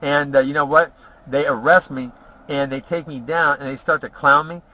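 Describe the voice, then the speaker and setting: A man telling rambling, boastful stories from his past, swearing freely and filling pauses with "uh" and "you know what?". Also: on the high side, steady tone, bright, forceful tone. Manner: profane, boastful, rambling with many fillers. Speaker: vlogger telling personal stories. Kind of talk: casual storytelling monologue. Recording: dull lo-fi home video audio.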